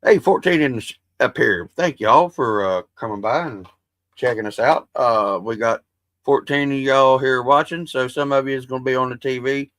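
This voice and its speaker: A man with a mid-range, slightly bright voice hosts a livestream at a moderate pace, chatting casually and profanely with viewers as he rambles. He describes his voice as soothing. The recording is dry.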